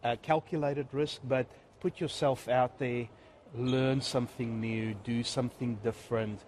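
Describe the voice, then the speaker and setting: A man giving measured, reflective interview answers as a business guest, building his points in short lists. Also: medium pitch, fairly even intonation, a little mellow. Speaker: interview guest, networking sales leader. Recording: faint background noise.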